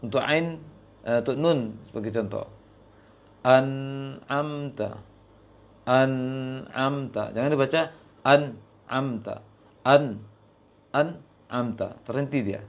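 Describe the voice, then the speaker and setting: An Indonesian man teaching Quran recitation rules in a live lesson, drawing out example words slowly and explaining between them with hesitant fillers. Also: medium pitch, slightly rough. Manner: demonstrates letters slowly, then explains quickly with fillers. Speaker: tajweed teacher.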